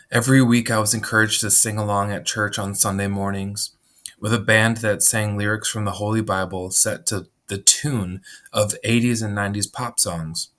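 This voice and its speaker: A man from Minnesota, USA, reads his personal memoir aloud in a lowish voice. His reading is measured and steady, broken up by frequent throat clearing.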